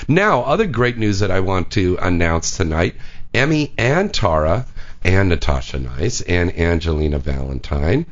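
Male radio host, lowish voice, lively and promotional, slightly dull broadcast audio. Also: a little slow. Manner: excitable, profane, promotional. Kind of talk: casual radio chat.

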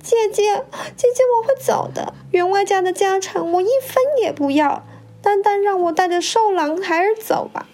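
A woman voicing a frightened young concubine who pleads in a high, tearful voice for a storybook reading. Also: animated, normal speed, a little mellow. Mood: tearful pleading.

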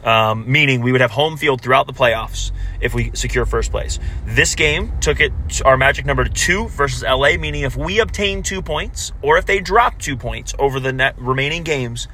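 A man co-hosting a casual soccer recap, correcting himself as he goes, heard on low-quality audio recorded while driving in a car. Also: normal speed, few pauses, bright, forceful tone, slight background noise. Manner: talks through standings with frequent self-corrections. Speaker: podcast co-host. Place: moving car.

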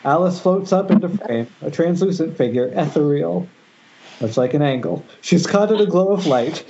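Over a dull, noisy internet call, a man reads screen directions at an informal table read, stumbling slightly through the dramatic passages. His voice sits a little high and sounds animated and warm, moving at a moderate pace.

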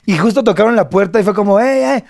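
A man's voice: sits high, very fast, creaky, crowd noise. A man in his thirties with a Mexican Spanish accent, co-hosting a casual chat and telling a self-mocking story full of slang. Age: 30s.

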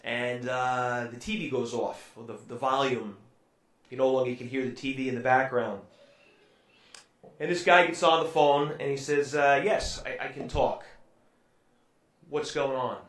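A man's voice: medium pitch, steady tone, normal speed, a bit bright. A man preaching a sermon and retelling a story in a conversational way, with frequent ums and uhs. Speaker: pastor. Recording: echoey room, voice from far off.

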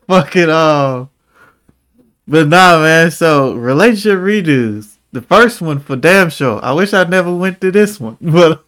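A man's voice: on the high side, lively intonation, unhurried, a bit bright. Man slightly slurring through a teeth grill. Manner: profane, slangy, teasing. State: tired. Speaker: podcast co-host. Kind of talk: casual podcast banter.

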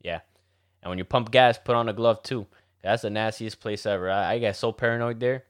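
A man's voice: lowish voice, fairly even intonation, a little fast, smooth. A man with a Miami Cuban accent co-hosting a casual chat, joking and switching between English and Spanish. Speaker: podcast co-host.

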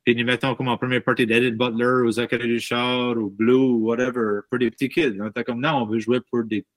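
Speaking briskly at a medium pitch with no room sound, a man in his thirties chats as a musician guest in a casual interview. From Baie Sainte-Marie, Nova Scotia, he has an Acadian French accent, slips English words into his French, and tells stories with liveliness.

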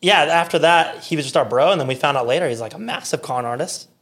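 A man with an American accent, a podcast guest, telling a story in casual, animated chat with lots of fillers and quoted voices. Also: fairly high pitch, quick pace.

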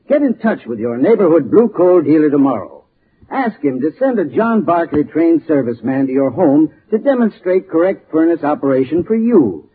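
A man's voice: a little high, breathy edge. A man giving a scripted, folksy, instructive 1940s radio advertising talk as an expert. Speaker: home heating expert pitching products. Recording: muffled old radio recording.

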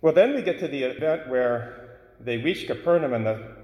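Priest preaching in cathedral echo. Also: male voice, medium pitch, animated, a little mellow. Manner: measured, explanatory preaching. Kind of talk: liturgical reading and homily. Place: large church. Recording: echoey church with long reverb.

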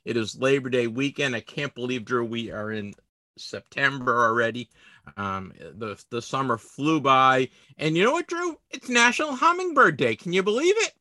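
A Boston-area man hosts a sports collectibles podcast, chatting casually, rambling, and teasing himself whenever he stumbles over his words. His voice sits at a medium pitch with lively intonation, moving at a normal speed with a bright, forceful tone and no room sound.

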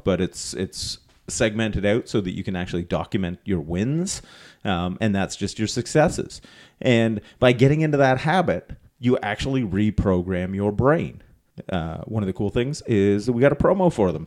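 Male podcast host, lowish voice, loose and chatty, quick to laugh. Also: a little mellow. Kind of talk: casual podcast chat.

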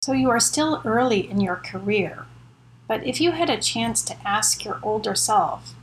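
A woman's voice: fairly high pitch, animated, unhurried, a little hiss or hum, poor audio. A woman interviewing a researcher, asking plain, direct questions.

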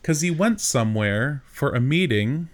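A man's voice: medium pitch, lively intonation, measured pace, slight background noise. A man casually chatting as a podcast co-host, recapping a film and poking fun at its dated details. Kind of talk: casual chat recapping a movie.

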